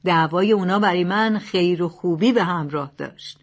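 A devout man from a storybook fable, calm and grateful, as a woman reads him. He speaks with quiet, reflective wisdom. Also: on the low side, lightly acted. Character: pious old man of God, calm and grateful.

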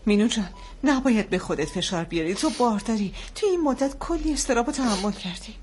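An actress playing a calm, caring nurse in a hospital drama, comforting a colleague. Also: female voice, on the high side, slight background noise, natural voice. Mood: soothing. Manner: soothing, firm. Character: female nurse, caring and steady. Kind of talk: TV drama acting.

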